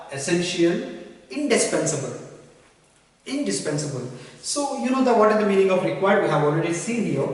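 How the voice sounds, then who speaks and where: A man teaching an English vocabulary lesson, repeating each word several times and spelling it out slowly. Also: sits high. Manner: repetitive, drills words slowly. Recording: very echoey hall, mic far off.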